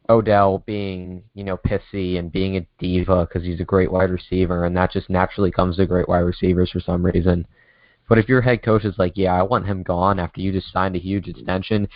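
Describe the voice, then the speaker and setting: A man's voice: sits low, no echo, dull audio. A male podcast co-host in casual sports chat, ranting heatedly and swearing, heard over a remote call that cuts out. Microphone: remote call with a dropping connection.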